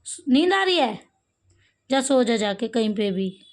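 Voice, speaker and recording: A woman speaks in a high voice, slowly and unhurriedly, coaxing a cat with sing-song calls. She is recorded on a phone outdoors in a home courtyard. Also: big pitch swings. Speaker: pet vlogger. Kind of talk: casual talk to a cat while filming. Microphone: phone camera.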